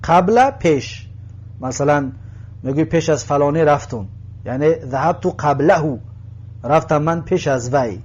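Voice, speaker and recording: A man with a Tajik accent teaching an Arabic lesson, reading each word and repeating its translation slowly. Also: on the high side, lively intonation, darkish tone, muffled recording. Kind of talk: recorded language lesson.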